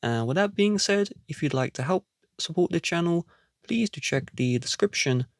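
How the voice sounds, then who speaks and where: A man's voice: a little high, lively intonation, normal speed, dry recording. A man narrating an instructional tech tutorial step by step in a plain, instructive way, recorded as a voice-over close to the mic.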